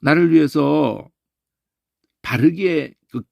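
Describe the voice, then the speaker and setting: Gravelly man teaching a bible class, lively, keeps going "eh?", dry close sound. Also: on the high side, slow, no echo. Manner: animated, peppers talk with questioning "eh?" tags. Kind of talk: Bible study lecture.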